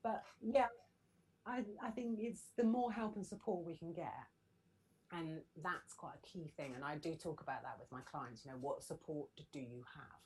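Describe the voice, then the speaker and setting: A middle-aged woman, a business coach, chatting as a podcast guest in a lively, animated way. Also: low voice, normal speed, husky, low-quality recording. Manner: chatty and animated, laughs often. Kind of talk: casual podcast conversation.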